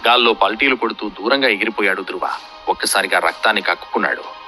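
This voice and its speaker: Male storyteller for a fantasy audiobook serial; low-pitched, steady and dramatic, faint music bed. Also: fast. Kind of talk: scripted narration of a fantasy serial.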